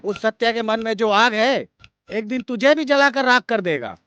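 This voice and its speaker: A scornful street tough who lectures in a rough way. His voice is very high for a man. The sound is slightly dull, with a faint hiss. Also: expressive, moderate pace, sharp tone, exaggerated voice. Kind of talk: Hindi film dub.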